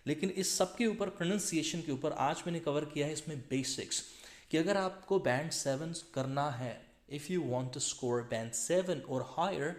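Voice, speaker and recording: A man with an Indian English accent teaching an English-test lesson, switching between Hindi and English and stressing example words slowly and deliberately. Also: mid-range voice, roomy sound. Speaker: IELTS teacher. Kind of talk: video lesson.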